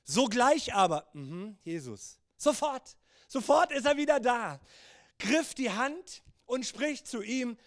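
A preacher in his fifties with a notably high voice tells his sermon as a lively, conversational story. The sound is close and dry, with no room echo. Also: slow pace.

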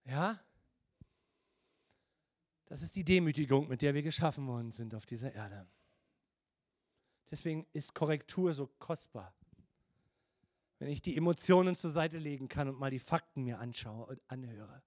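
A man, a pastor, preaching a sermon with emphatic delivery, rhetorical questions and shifts between loud and quiet. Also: mid-range voice, lively intonation, normal speed, pauses often. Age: older.

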